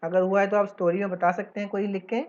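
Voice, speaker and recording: A woman teacher walks children through a textbook exercise, reading the English lines out slowly before explaining them. Her pitch sits at an ordinary middle level for a woman. The recording is a bit dull and lo-fi. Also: flat delivery, a little mellow. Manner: frequent "theek hai" check-ins. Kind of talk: lesson explanation for schoolchildren. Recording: slightly dull lo-fi audio.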